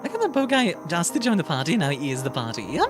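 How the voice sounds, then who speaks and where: A woman's voice: low voice, wildly swooping pitch, fast talker. A young woman streaming a video game, chatting casually and rambling with fillers and laughs. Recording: game music playing behind.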